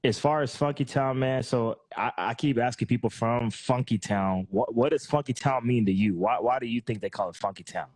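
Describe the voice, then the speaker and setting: Hardly pausing, a man with a mid-range, slightly mellow voice hosts a podcast at a moderate pace, with no room sound. He keeps the guest interview loose and slangy, ending lines with "man" and "bro."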